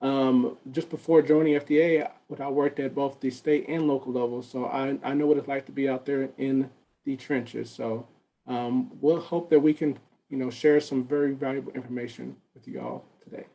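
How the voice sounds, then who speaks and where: A man introducing himself as co-presenter of an online workshop, relaxed and a little hesitant. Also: mid-range voice, normal speed, low-quality recording.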